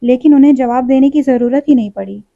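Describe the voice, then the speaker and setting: A woman narrating a literary short story in a measured, expressive way. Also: high-pitched, gravelly, dry recording. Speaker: story reader. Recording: dull lo-fi recording.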